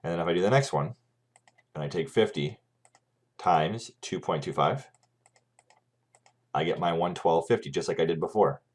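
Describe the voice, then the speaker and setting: A man's voice: deep voice, moderate pace, long pauses, husky. A man teaching a math lesson over a screencast, talking through each calculation step by step and often checking in with "right?".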